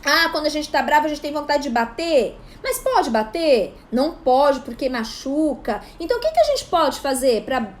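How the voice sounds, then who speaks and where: Animated high-voiced mom giving parenting advice. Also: female voice, normal speed, few pauses. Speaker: psychopedagogue and parenting channel host. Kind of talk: casual advice talk to camera.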